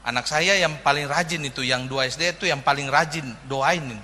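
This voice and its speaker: Bright-voiced pastor preaching in a hall. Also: male voice, a little high, moderate pace. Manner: humorous, storytelling preaching that addresses the congregation directly. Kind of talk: sermon. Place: church sanctuary. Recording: reverberant hall with faint noise.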